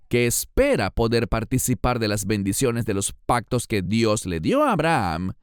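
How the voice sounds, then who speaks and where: A man giving a scripted Bible lesson in a measured, explanatory way. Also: medium pitch, clean tone, no room sound, studio quality. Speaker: Bible teacher.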